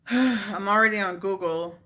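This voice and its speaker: A woman's voice: mid-range voice, takes it slowly, pushed and bright. A woman hosting a casual live stream, chatting with viewers and growing exasperated as she repeats her questions. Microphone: phone.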